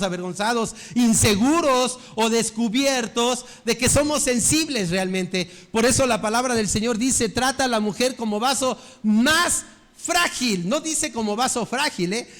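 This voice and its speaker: An older pastor preaching a sermon in a fairly high voice. He talks earnestly and keeps asking his listeners rhetorical questions.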